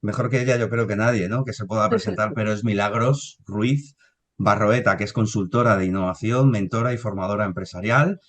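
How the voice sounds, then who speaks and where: A man's voice: fairly low pitch, a little fast, fairly bright tone. Hesitant man hosting a podcast. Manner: hesitant, with many fillers and restarts. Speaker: podcast host. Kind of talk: hosting a business videopodcast.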